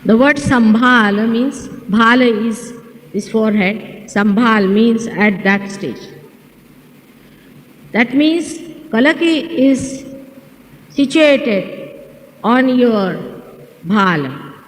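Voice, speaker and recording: A woman, a spiritual teacher giving a measured lecture and explaining words one by one, heard in an old archival recording. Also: fairly high pitch, animated. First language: not English. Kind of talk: slow spiritual lecture to an audience. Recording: old echoey hall recording with faint hiss.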